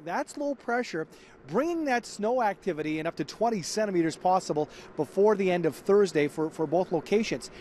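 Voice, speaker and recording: A man's voice: sits high, lively intonation, brisk, a little mellow, a little hiss or hum. A man with a Canadian accent giving an ad-libbed weather forecast as a TV meteorologist.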